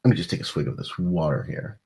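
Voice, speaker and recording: A man's voice: deep voice, expressive, quick pace, dark tone, slight background noise. A young man co-hosting a podcast in casual chat, rambling, joking and laughing often. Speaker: podcast co-host.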